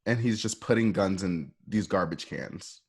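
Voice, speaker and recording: A slightly rough, low-pitched male voice narrates stage directions a little slowly at a live screenplay table-read. He keeps it informal and conversational for this radio play, adding asides to the audience.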